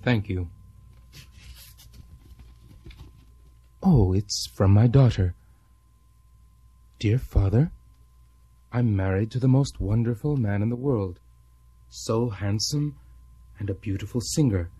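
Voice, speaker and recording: A man playing a slow, fervent old preacher. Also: on the low side, dark tone, husky. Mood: pleased. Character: older male preacher, fatherly and fervent.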